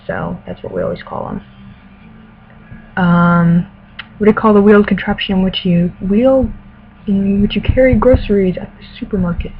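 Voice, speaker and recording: A woman's voice: mid-range voice, fairly even intonation, moderate pace, long pauses. A woman speaking casually in a hesitant, think-aloud way, answering questions and reading aloud. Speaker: accent challenge participant. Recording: tinny phone-like audio with background noise. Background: radio playing music in the background.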